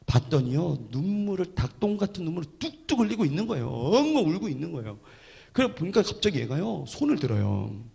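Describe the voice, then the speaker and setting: A man preaching a sermon and telling his story with drama, dropping from loud to hushed. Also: a little high, very animated, a little fast, creaky. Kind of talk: sermon testimony.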